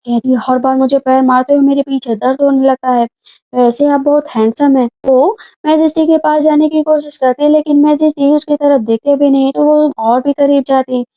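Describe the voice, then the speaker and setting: A woman's voice: high voice, fairly even intonation, normal speed, dark tone. A woman narrating a drama recap in a casual storytelling way, speaking the characters' lines in her own voice. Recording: dull lo-fi sound.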